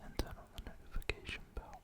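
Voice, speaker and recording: Speaking fast, a male ASMR creator rambles casually in a breathy, soft whisper right up against the mic. He comes across as gentle, informal and reassuring.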